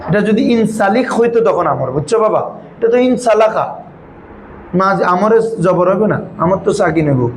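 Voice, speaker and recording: A male Arabic grammar teacher, drilling his students with quick questions in a patient classroom manner. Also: sits high, lively intonation, reverberant, a little hiss or hum, low-quality recording.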